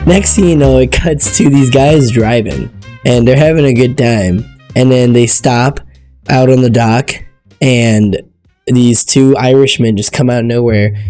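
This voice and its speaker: A man's voice: medium pitch, darkish tone. A man from Ecuador casually reviewing a TV episode, rambling and searching for words as he talks. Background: music playing.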